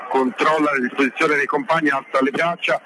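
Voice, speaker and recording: A man giving excitable, partisan live football radio commentary, repeating words and names. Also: a little high, fairly quick. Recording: noisy radio broadcast with loud stadium crowd. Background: loud stadium crowd.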